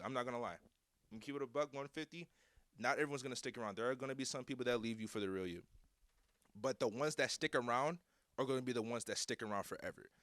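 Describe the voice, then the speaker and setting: A man's voice: mid-range voice, a bit bright, dry recording, clean studio sound. Earnest young guy on a podcast. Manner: earnest, emphatic, heavy on filler "like" and repeats. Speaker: guest rapper. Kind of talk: casual podcast advice.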